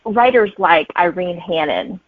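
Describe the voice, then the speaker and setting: This middle-aged woman speaks in a lowish, expressive voice at an unhurried pace, recorded dry. As a romantic suspense author guesting on an interview, she chats, tells stories and shares her passing thoughts. The recording has a thin, band-limited, phone-like quality.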